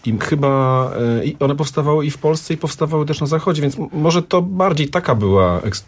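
A man hosting a radio music talk show, chatting in a relaxed, hedging way. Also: on the high side, brisk, breathy edge. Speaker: radio host.

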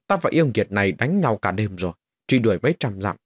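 A man voicing a proud, blunt male martial warrior in a storybook reading, speaking loudly and commandingly, slightly husky. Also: fairly low pitch, sing-song, fast, dry recording.

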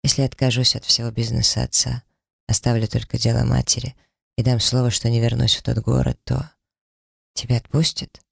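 A man's voice: mid-range voice, level tone, a little fast, creaky, slightly rough, no room sound. Guy doing an earnest young student girl in an audiobook, talking it through, dry close sound. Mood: thoughtful. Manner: earnest, reasoning aloud. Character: modest young woman student, earnest and clever. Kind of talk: audiobook character reading.

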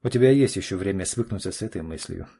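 A man's voice: deep voice, expressive, fast talker, gravelly, dark tone, husky, heavily acted. A man voicing a firm, self-assured middle-aged father in an audiobook, speaking curtly and clipped. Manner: curt and clipped. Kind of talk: audiobook character voice.

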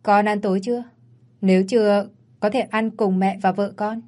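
A woman voicing a stern, brisk middle-aged mother in an audio story. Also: mid-range voice, fairly even intonation, mellow, lightly acted. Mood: polite.

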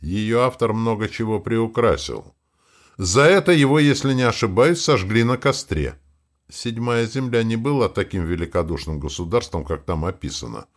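A man's voice: lowish voice, lively intonation, moderate pace. Man doing a scornful bearded forest elder. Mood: lecturing. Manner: lecturing, contemptuous.

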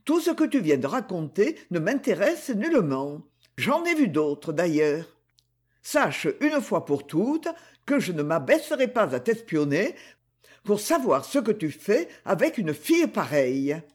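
Timid young wife, raised pitch, tense but firm, voiced by a husky male reader. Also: big pitch swings, a little slow, full character voice. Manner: tense, pleading, then firm. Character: timid young wife, standing her ground.

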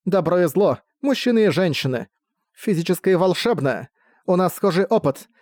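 A man's voice: high voice, lively intonation, normal speed, a little mellow, no echo, studio quality, voice pushed up. A man reading an audiobook, voicing a manipulative, desperate woman villain who pleads and persuades. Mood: persuasive.

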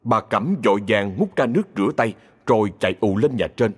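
Husky low-voiced male story narrator. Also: expressive. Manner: measured storytelling. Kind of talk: scripted narration. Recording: long reverb.

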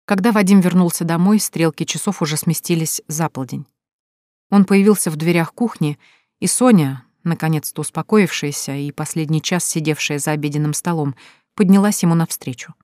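A woman calmly narrating an audiobook. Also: sits low, moderate pace, no room sound, clean studio sound. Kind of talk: scripted narration.

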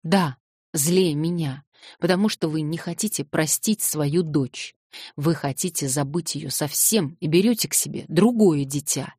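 A woman's voice: deep voice, measured pace, slightly rough, no room sound, studio quality. A woman reading an audiobook voices a distraught young orphan girl who cries and refuses insistently. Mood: sobbing defiance. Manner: crying, shouting, insistent refusals.

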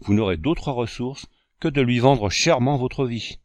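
A man's voice: mid-range voice, normal speed, darkish tone, no echo, close to an everyday voice. Storybook guide, stern with novices, voiced by the male narrator, dry sound. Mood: grave.

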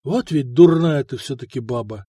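A man's voice: medium pitch, normal speed, dark tone, breathy edge, no room sound, studio quality, close to an everyday voice. A man voicing a bluff, good-natured blacksmith husband who teases and boasts. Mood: exasperated.

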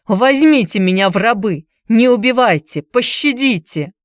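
A woman's voice: fairly low pitch, a little slow, no echo, studio quality, natural voice. A woman voicing a cringing old male Greek trickster who whines, fawns and begs for mercy. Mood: desperate. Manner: whining, pleading, fawning.

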